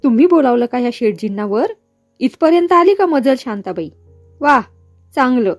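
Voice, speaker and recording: A woman's voice: high voice, big pitch swings, moderate pace, dry recording, faint music behind, heavily acted. A woman voicing a jealous, sneering man who mocks and pesters a woman. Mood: taunting. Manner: taunting, mocking.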